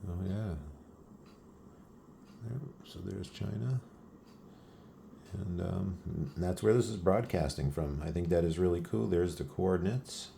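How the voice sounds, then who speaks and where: A low-voiced man speaks at a measured pace with vocal fry and long pauses, informally narrating an unscripted demonstration as a radio hobbyist host. Loud shortwave static, noise and broadcasts fill the background.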